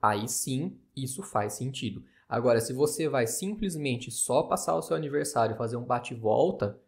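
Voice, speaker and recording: A man's voice: medium pitch, expressive, normal speed, vocal fry, darkish tone. A man with a Brazilian Portuguese accent, an astrologer hosting a podcast, explaining in a chatty, skeptical way with frequent tag questions. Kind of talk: casual explanatory monologue.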